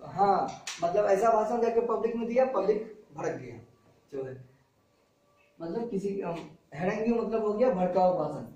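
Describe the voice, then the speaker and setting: A man's voice: high-pitched, expressive, normal speed, warm tone, highs cut off. A man teaching vocabulary to a class, repeating each word and its meaning and quizzing his students. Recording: very echoey classroom from far off.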